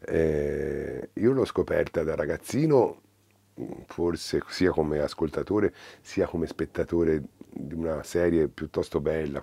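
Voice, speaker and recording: A man talks thoughtfully in an interview and pauses often to find his words. His voice is deep and gravelly with a husky edge. The sound is close and dry. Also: mellow, no echo. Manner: thoughtful, halting, with many fillers. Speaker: audiobook reader and interviewee. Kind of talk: reflective interview and expressive reading.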